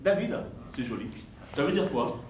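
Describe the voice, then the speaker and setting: A man from Normandy doing a stand-up comedy set, jumping high for quoted voices and dropping low for asides. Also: very animated, moderate pace, darkish tone. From Normandy, France. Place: stage in an echoey hall. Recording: echoey, distant live recording, noisy.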